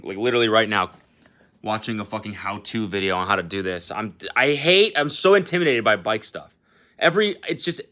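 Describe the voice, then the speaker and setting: A man's voice: medium pitch, sharp tone, clear, resonant tone. A young man casually vlogging about his training, self-mocking, laughing often and swearing freely. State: out of breath after a run.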